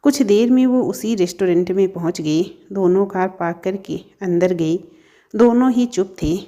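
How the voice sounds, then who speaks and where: Woman narrating a story in a mellow voice. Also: medium pitch, normal speed, highs cut off. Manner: steady, even storytelling.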